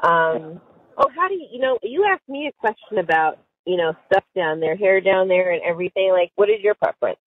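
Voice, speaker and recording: A woman's voice: on the low side, lively intonation, brisk. Chatty giggly woman on a prison phone. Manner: chatty, giggly, full of fillers like "like". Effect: recorded prison phone call. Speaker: caller to an inmate. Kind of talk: casual phone chat. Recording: tinny, dry phone line.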